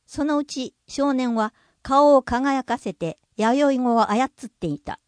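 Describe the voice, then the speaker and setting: A woman with a fairly high voice reads a scripted narration at a measured pace. She slows down to sound out example words. The recording is dry and close, with no room sound. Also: dry recording.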